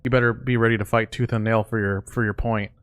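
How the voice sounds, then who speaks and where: A man's voice: lowish voice, level tone, fast talker, dry recording. A man co-hosting a game stream, chatting in an easygoing way with short replies and frequent laughs. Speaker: streamer co-host. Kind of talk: casual gameplay chat.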